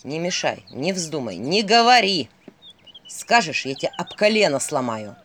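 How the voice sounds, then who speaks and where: A woman's voice: low-pitched, sing-song, normal speed, fairly bright tone, slight background noise. A woman voicing a stern, bossy male owl familiar who speaks curtly and with threats. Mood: menacing. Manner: curt, snorting, threatening.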